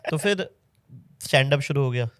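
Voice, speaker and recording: A man's voice: medium pitch, animated, fairly bright tone, no echo, studio quality. Chatty podcast host man. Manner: chatty, quick to react and laugh along. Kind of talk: casual podcast chat.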